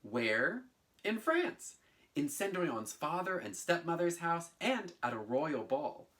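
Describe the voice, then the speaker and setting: In a fairly high voice and at a slow pace, a man in his thirties works as a teaching artist, telling children stories and instructing them from his bedroom. Expect theatrical animation, careful enunciation, and chants in a sing-song rhythm.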